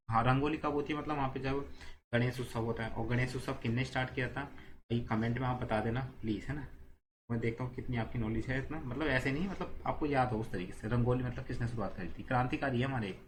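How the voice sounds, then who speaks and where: A man's voice: mid-range voice, a little hiss or hum. A man giving an exam-prep lesson, explaining with repetitive, playful memory tricks. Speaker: teacher.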